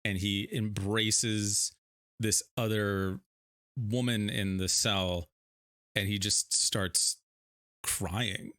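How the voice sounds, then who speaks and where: A young man streaming a tabletop game, describing his character in a rambling, animated way. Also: fairly low pitch, very slow, dry recording, studio quality. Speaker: streamer and player.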